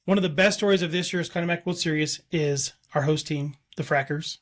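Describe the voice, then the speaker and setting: Male radio host, higher pitch; upbeat, affirming interviewer. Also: a little fast. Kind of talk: interview hosting.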